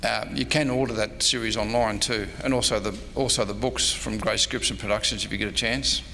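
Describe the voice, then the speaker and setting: A radio historian gives an informal slide show history lecture in a convention presentation room, reading from notes and adding casual asides. His voice is on the low side, brisk and sharp, with vocal fry and fairly even intonation. The hall is echoey, with faint background noise.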